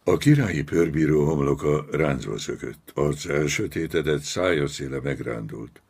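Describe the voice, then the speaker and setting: A man narrating a novel as an audiobook, measured and dramatic. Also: very deep voice, expressive, creaky, a little mellow, husky. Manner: slow, measured, dramatic storytelling.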